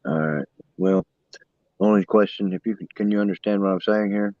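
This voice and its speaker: A man's voice: lowish voice, fairly even intonation, fairly quick, a little mellow, no echo. A man calling in as a guest on a casual panel chat, his voice coming through fuzzy and distorted from a phone, musing bluntly. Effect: fuzzy distorted muffled call audio. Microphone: phone resting on a pad. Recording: muffled, distorted lo-fi phone call.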